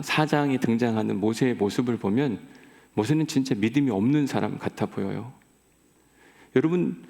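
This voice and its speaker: A man's voice: medium pitch, vocal fry, darkish tone. A man preaching a sermon as pastor, conversational and asking his congregation questions. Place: large church sanctuary. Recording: echoey church hall with long reverb.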